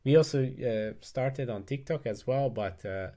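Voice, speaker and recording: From a home room with a gaming chair, the young male interview host chats casually over video call with earbuds in, digging in with probing questions. He speaks unhurriedly in a warm, mid-range voice.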